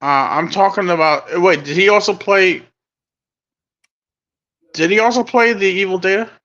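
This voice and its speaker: A man in his thirties co-hosts a casual chat, rambling excitably and correcting himself as he talks. His voice sits high, his speed is normal, and the recording sounds lo-fi.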